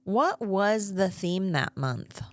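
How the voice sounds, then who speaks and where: A woman's voice: mid-range voice, animated, slow pace, no room sound. A woman in her late thirties co-hosting a podcast in easygoing, chatty conversation. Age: 30s. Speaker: podcast co-host. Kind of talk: casual chat.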